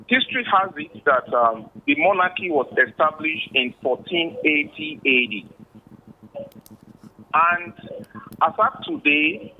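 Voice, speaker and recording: Tinny bad-line Nigerian chief, slow and lively. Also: male voice, fairly high pitch. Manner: formal, measured, explanatory. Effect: bad remote connection, tinny phone-like line. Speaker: traditional chief, interview guest. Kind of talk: remote interview, historical explanation. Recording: tinny phone-like call line.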